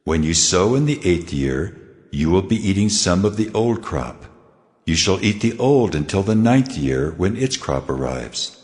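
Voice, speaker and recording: A man's voice: low-pitched, very animated, measured pace, darkish tone. A man voicing the Lord in a dramatized scripture recording, grave and commanding. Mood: solemn. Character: the Lord, a solemn commanding divine male voice. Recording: long hall reverb. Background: faint music.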